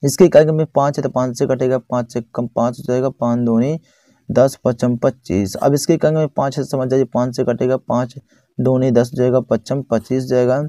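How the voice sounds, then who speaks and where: A man's voice: medium pitch, steady tone, moderate pace, mellow, no room sound. A man teaching a math lesson step by step, counting aloud patiently and checking in often with the viewer.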